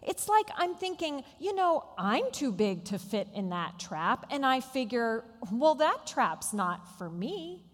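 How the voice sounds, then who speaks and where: A befuddled, slow-witted cow in a sermon story, acted out by a woman preacher, pitched well above her usual voice and thinking out loud. The words come slowly and ponderously. The voice sounds a bit distant, with a long hall reverb. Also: sing-song, full character voice. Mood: confused. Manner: muddled, ponderous.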